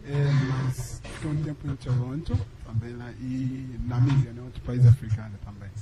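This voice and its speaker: A man's voice: medium pitch, fairly even intonation, normal speed, very noisy. Chatty young Angolan man with an audience question. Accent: Angolan Portuguese. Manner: casual, chatty, tags with "né" and switches into English. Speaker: exchange student asking a question.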